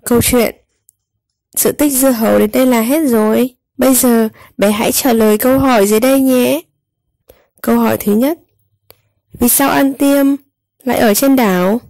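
A woman narrating a scripted storybook tale for young children, enunciating clearly as a storyteller. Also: fairly high pitch, moderate pace, pauses often, darkish tone, no echo, rough recording.

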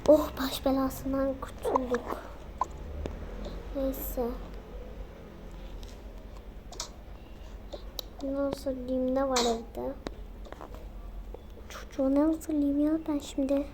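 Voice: high voice, little pitch movement, slow pace, long pauses, background noise. A child playing a fed-up scolding mom. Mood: muttering. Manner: exasperated, scolding, grumbles under her breath. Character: short-tempered adult mother, fed up with her naughty daughter.

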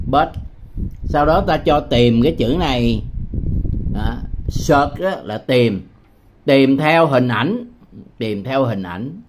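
A man from Vietnam teaching English words in a patient tutorial, repeating each word slowly with hesitation sounds. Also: medium pitch, a little hiss or hum. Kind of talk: slow, patient screen-demo tutorial.

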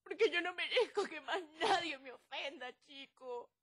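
A woman's voice: sits high, animated, normal speed, a bit bright. An actress playing a hurt, crying woman in a telenovela, vehement and distressed. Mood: tearful. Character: hurt woman vowing to change her life. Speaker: soap opera character. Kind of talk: telenovela acting.

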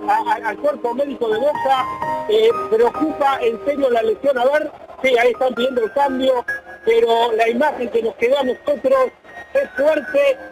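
A sideline reporter explains an injury in halting phrases full of fillers. His voice is very high. Music runs under the broadcast. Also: rough recording. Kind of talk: live match report.

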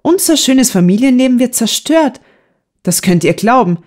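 A woman's voice: on the high side, expressive, moderate pace, a little mellow, voice pushed up. A woman reading a stubborn young man who grumbles with mock solemnity in an audiobook. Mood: grumbling. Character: stubborn young man, the elder son, dramatic.

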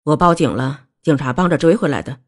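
A woman voicing a young husband who speaks coldly and firmly in a lowered voice. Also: moderate pace, darkish tone, husky. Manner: cold, clipped, firm. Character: stern young husband, cold and firm.

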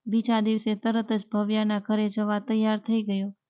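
A woman narrating a scripted first-person story in a steady, even reading voice. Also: mid-range voice, normal speed, clear, resonant tone. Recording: dull lo-fi recording.

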